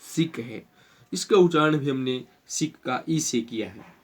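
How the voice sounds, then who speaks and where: This Indian-accented man, voice pitched in the middle and a little rough, walks a class slowly through a spelling rule. He delivers it animatedly, saying words again and spelling each out letter by letter.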